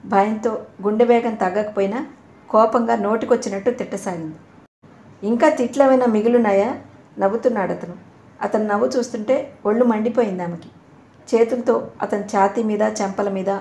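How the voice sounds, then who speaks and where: Woman narrating an audio novel. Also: medium pitch. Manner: steady storytelling. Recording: echoey room, faint hiss.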